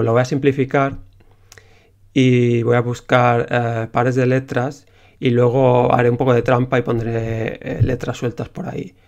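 A man's voice: medium pitch, vocal fry, a little mellow. A young man with a Spain Spanish accent, an indie game developer telling casually how he made his game, rambling with many fillers.

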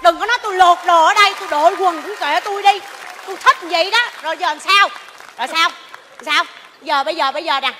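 A woman's voice: very high voice, fast talker, bright, forceful tone, some chatter behind, slight background noise. A woman playing a fed-up middle-aged wife in a stage comedy, arguing shrilly and firing back the same retorts. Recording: stage hall reverb, faint audience.

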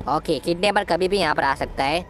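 A woman's voice: low voice, fairly quick, very noisy, lightly acted. A woman voicing a cheeky, giggly young boy who comments on horror games, teasing the monsters and yelping in mock fright. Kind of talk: comic gameplay commentary in a cartoon voice.

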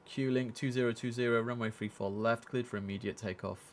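This young man speaks briskly with a medium pitch and a steady tone. Muttering to himself about his game in a casual way, he breaks into short, clipped air traffic controller phrases. He's indoors at a home streaming setup, recorded in a noisy room with keyboard clicks.

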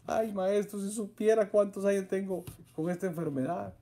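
A man voicing a sick woman who earnestly pleads with her teacher, spoken softly in his own voice. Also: medium pitch, moderate pace, lightly acted. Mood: pleading.

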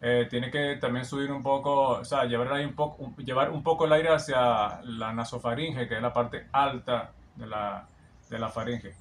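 A man's voice: mid-range voice, fairly even intonation, normal speed, a little hiss or hum. A man acting as a vocal coach, explaining singing technique in an admiring, explanatory way. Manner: admiring, explanatory, often sings snippets back. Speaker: vocal coach analyzing a singer. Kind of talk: reaction and vocal analysis commentary. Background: song playing in the background.

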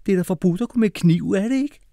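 A man's voice: high voice, gravelly, mellow, no echo, clean studio sound, voice pushed up. A man voicing a laid-back male hippie with a drawling way of talking. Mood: fretting. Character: mellow male hippie, worried about karma.

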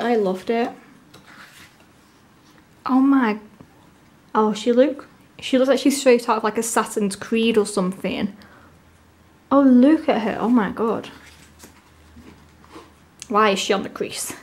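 A woman with a sore, swollen-tonsil voice from tonsillitis, chatting casually and gushing excitedly as she hosts an unboxing. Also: fairly high pitch, measured pace, pauses often. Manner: gushing, enthusiastic. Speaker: unboxing video host.

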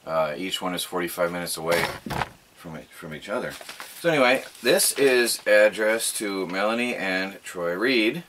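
A man's voice: deep voice, expressive, moderate pace, noisy background. A middle-aged man in casual chat as a vlogger, laughing often, filmed by a camera across a small wooden cabin living room.

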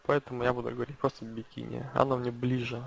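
A man's voice: mid-range voice, flat delivery, fast talker, vocal fry, slight background noise, low-quality recording. A man doing casual live game commentary as a match caster, with a lisp that turns his s into a slushy sh.

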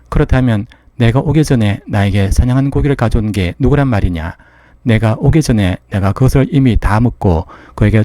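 A man giving a steady, measured reading of scripture, voicing every part in his own plain voice. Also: on the low side, dry recording. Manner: even, measured reading of all parts without acting voices. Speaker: Bible reader.

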